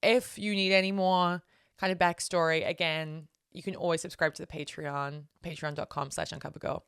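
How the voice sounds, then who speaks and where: Woman host, transatlantic Kiwi accent, lower-pitched voice, dry teasing manner, conversational podcast banter. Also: steady tone, moderate pace, gravelly, a bit bright, clean tone. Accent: transatlantic, softened New Zealand. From New Zealand. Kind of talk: casual banter.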